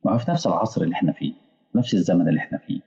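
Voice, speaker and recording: A man preaching in an Egyptian accent, his low voice rough with fry as he rushes through his points. He plays out quick exchanges with imagined listeners, taking both sides. The sound is dull and lo-fi, with a long reverb trailing behind him. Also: warm tone. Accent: Egyptian Arabic. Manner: acts out back-and-forth dialogues with imagined listeners. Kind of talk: colloquial sermon.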